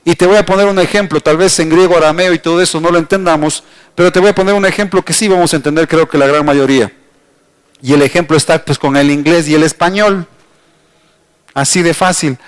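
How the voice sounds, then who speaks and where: A middle-aged man with an Ecuadorian accent, a pastor teaching his congregation in a church, explaining things patiently and slowing down to spell out words. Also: on the high side, clean tone. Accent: Ecuadorian Spanish. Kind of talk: teaching sermon. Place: church hall.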